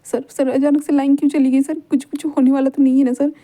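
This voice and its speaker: A woman's voice: high voice, little pitch movement, brisk, warm tone, natural voice. A woman voicing a timid young male student who stammers and repeats his words. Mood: timid, stammering.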